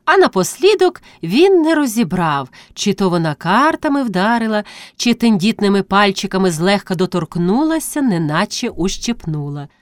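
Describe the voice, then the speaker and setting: A woman narrating classic prose as an audiobook reading, with expressive storytelling. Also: mid-range voice, normal speed, hardly any pauses, no room sound, studio quality.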